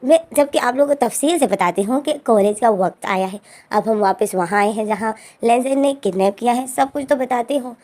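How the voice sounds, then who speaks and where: A woman retells a fan fiction story in a chatty, conversational way, adding fillers as she goes. Her voice sits a little high and has a mellow tone. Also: moderate pace.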